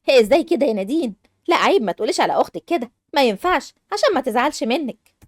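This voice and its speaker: A woman's voice: high-pitched, sing-song, racing, dry recording, studio quality. A woman playing a nagging mother. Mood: scolding. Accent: Egyptian Arabic. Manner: scolding, nagging. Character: scolding mother of two daughters.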